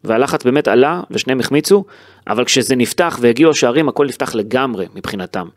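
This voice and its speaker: A man talks through a football match in a loose, animated way. He breaks off and restarts his sentences often, his pitch sits in the middle, and the sound is dry and close to the mic. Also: no echo. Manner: animated, thinks aloud with fillers and restarts. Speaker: sports podcast host. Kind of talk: casual football analysis chat.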